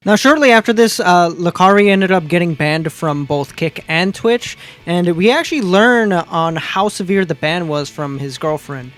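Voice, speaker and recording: A man's voice: high voice, animated, moderate pace, few pauses, a bit bright. A man hosting a casual online news commentary show, laid-back and sarcastic in tone.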